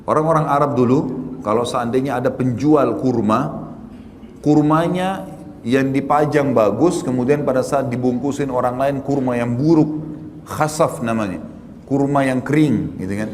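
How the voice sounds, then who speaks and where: A man's voice: mid-range voice, normal speed, a little hiss or hum. A man giving a religious lecture, speaking straight to his listeners and rising sharply on his key points. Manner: addresses listeners directly, often tags "gitu kan"; lively, exclaims and rises sharply on key points. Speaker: Islamic preacher. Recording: long hall reverb, faint background ambience.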